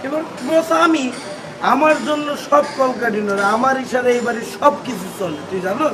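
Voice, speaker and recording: A man's voice: extremely high pitch, normal speed, rough recording. A man playing a boastful young male gatekeeper who keeps demanding respect in a comic drama. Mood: bragging. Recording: music playing under the voice.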